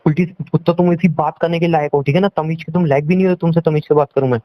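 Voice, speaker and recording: Background noise runs under this dull, lo-fi call recording of a young man fighting with his partner in casual Hindi-English. Fast and steady in tone, his voice sits on the high side as he scolds, accuses, and repeats himself.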